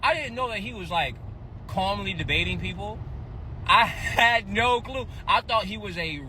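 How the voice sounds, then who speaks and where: Man, fairly high voice, retainer-slurred speech, slangy, exasperated, noisy vehicle background. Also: moderate pace, pushed and bright. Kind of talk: casual rambling rant. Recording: clear car and outdoor noise.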